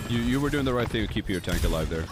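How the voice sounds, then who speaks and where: A man's voice: fairly low pitch, expressive, very fast, loud music behind the voice. Guy coaching a gamer on stream, super nitpicky, swears a lot, voice jumps all over. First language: Swedish. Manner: blunt, nitpicky, profane, talks to chat. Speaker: game coach reviewing a player's replay.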